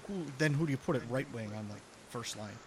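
A man's voice: mid-range voice, animated, fast talker, very noisy. A man hosting a casual hockey podcast with friends, reading out listener questions and joking along, sometimes tripping over players' names. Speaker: podcast host.

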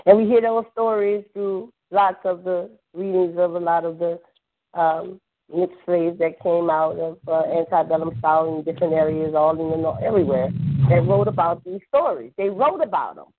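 A woman's voice: on the low side, normal speed. A woman talking in a casual phone-call chat, blunt and emphatic, repeating herself for weight and throwing in curse words. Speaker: podcast caller discussing history. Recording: tinny phone line.

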